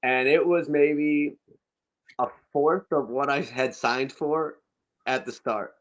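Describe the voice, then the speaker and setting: A man's voice: medium pitch, takes it slowly, rough recording. A young man, a professional soccer forward, casually recounting his career in a laid-back way during an interview.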